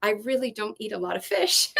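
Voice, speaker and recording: A woman's voice: medium pitch, sing-song, a little fast, creaky, fairly bright tone. A woman co-hosting a casual live stream, chatting and reading out viewer comments. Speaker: boat vlog co-host. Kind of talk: casual livestream chat.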